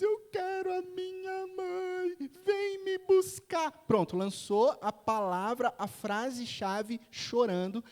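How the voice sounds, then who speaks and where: In an echoey church hall, the same kind of scene unfolds: a Brazilian man, speaking as pastor with a Brazilian Portuguese accent, recounts a family story during his sermon, sprinkling in chatty asides and tag questions. His voice sits high with a darkish tone.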